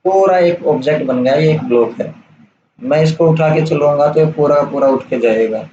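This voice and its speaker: A man giving a casual, step-by-step software tutorial over a screen recording, checking in often with the listener. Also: fairly high pitch, normal speed. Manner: casual, explains step by step with "theek hai" checks. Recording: roomy, dull lo-fi sound with faint hiss.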